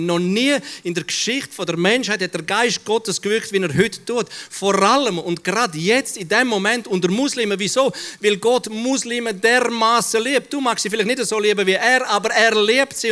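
A man with a high voice preaches an animated sermon to a congregation. He tells his stories vividly and acts out the people in them. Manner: animated storyteller, acting out quotes.

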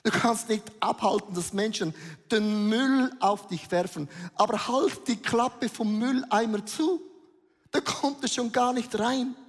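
Guy preaching, high voice, really fired up, big echoey hall. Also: measured pace. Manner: fervent, rhetorical, peppers German with English catchphrases. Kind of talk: sermon. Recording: long reverb of a large hall.

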